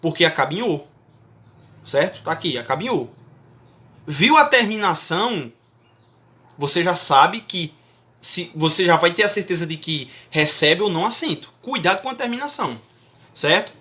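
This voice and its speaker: A man teaches Portuguese grammar in a classroom-style lecture, his pitch swinging widely as he stresses syllables. His voice has a bright, forceful edge. He talks emphatically and keeps checking in with the class. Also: animated, moderate pace, long pauses.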